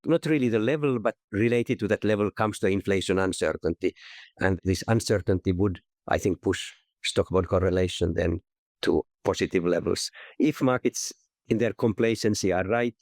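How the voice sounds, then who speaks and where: A man talks through ideas in a thoughtful, measured way, often adding small hedging asides. His voice sits fairly low, and the recording is close and dry with almost no room sound. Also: a little mellow, no echo. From Finland. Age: 60s. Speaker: guest, investment researcher. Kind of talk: conversational interview answer.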